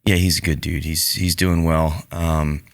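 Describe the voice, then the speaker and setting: Male podcast co-host, low resonant voice, hesitant joking chat. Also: level tone, unhurried, vocal fry, dry recording. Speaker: podcast co-host being interviewed.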